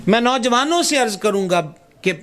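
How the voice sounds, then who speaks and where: High-voiced man preaching with passion. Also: expressive, a bit bright. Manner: impassioned, acts out voices in the story. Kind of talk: sermon.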